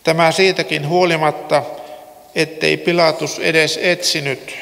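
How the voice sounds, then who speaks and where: Pastor, male, gravelly and fairly high-voiced; measured solemn reading, long church reverb. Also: level tone, a bit bright. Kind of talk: gospel reading and sermon.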